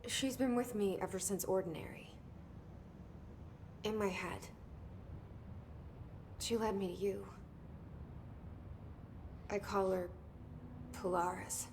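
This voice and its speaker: An actress with a medium-pitched, steady voice performs a video game cutscene as an earnest, determined young woman. She speaks slowly with long pauses, sincere and understated, in a haunted, earnest mood, with background noise present.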